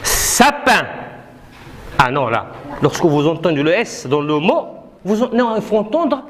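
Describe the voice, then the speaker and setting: A woman's voice: deep voice, very animated, moderate pace. Patient woman teacher drilling syllables. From Morocco. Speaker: primary school teacher. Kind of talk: classroom reading lesson. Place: classroom.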